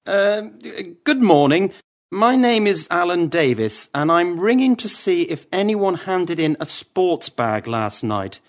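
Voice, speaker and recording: A polite, apologetic caller, voiced by a man, leaves a voicemail in a drawn-out, unhurried way. His voice sits a little high, and he pauses and hesitates. It is a scripted recording for a listening test. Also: big pitch swings, heavily acted. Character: man leaving a voicemail about a lost bag. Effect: voicemail message left after the tone.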